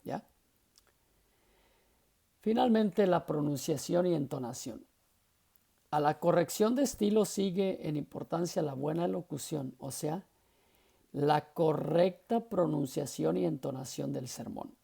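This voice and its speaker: Gravelly, husky male preaching teacher. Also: on the high side, measured pace, long pauses, dark tone. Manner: explanatory, often checks understanding with short questions. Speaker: homiletics teacher. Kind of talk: classroom lecture on preaching.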